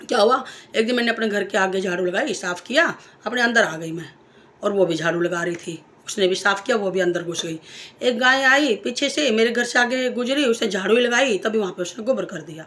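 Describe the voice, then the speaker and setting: Her voice sits on the high side, a bit bright, and she talks a little fast. This female vlogger chats casually to camera about her opinions, emphasizing points, repeating herself, asking rhetorical questions and recounting personal stories.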